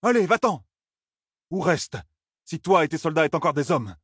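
Audiobook: hoarse, vengeful knight-officer, raised pitch, husky, read by a man. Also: animated, moderate pace, fairly bright tone, no room sound, clean studio sound. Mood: scornful. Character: bitter vengeful male knight officer, accusing.

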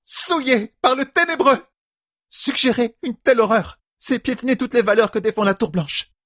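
A man's voice: very high voice, expressive, normal speed, fairly bright tone, no echo, clean studio sound, voice pushed up, heavily acted. A man reading an audiobook, voicing an indignant woman condemning a proposal as a horror. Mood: outraged.

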